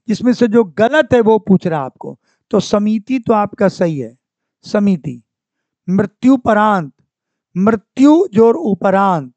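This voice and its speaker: In a dry, dull lo-fi recording with no room sound, a man with a high-pitched, darkish voice leads a Hindi grammar exam-prep class. He goes over each word repeatedly and keeps pressing students for answers.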